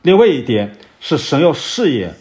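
A man delivers an expository Bible sermon, working through verses and posing rhetorical questions. He sometimes pauses with fillers while hunting for references. His voice is on the high side, sing-song, and a little mellow.

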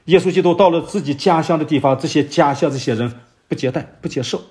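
A man preaching an expository Bible sermon, walking through verses and asking rhetorical questions, sometimes pausing with fillers while searching for references. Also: a little high, a little mellow.

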